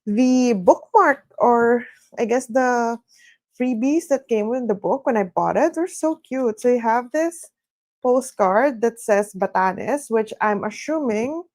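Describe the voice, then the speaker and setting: A woman's voice: fairly high pitch, slow, dry recording. A woman hosting a livestreamed reading session, chatting casually and easily, sometimes in a sing-songy way. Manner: chatty, relaxed, reads viewer comments aloud; sing-songy delivery at times. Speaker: streamer hosting reading sprints.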